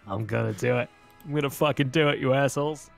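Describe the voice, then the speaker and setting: A man's voice: mid-range voice, fast, creaky, over music. A man playing a game on a stream, joking about himself and swearing freely in loose banter. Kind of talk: casual banter while gaming.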